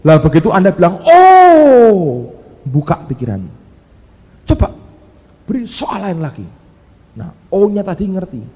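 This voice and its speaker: Male pastor, lively sermon delivery, long hall reverb. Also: high-pitched, moderate pace, pauses often. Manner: animated preacher with sudden exclaimed cries.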